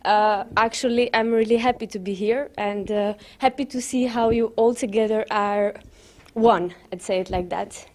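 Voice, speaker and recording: A woman with an Albanian accent introduces herself informally to a group, speaking in a nervous, halting way. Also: mid-range voice, fairly even intonation, a little mellow. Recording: clearly noisy live room recording.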